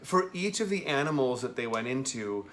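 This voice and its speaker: A man's voice: medium pitch, sing-song, moderate pace, a bit bright, low-quality recording. A man co-hosting a casual review in a campy, conversational way, dropping wry asides. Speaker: host reviewing a documentary.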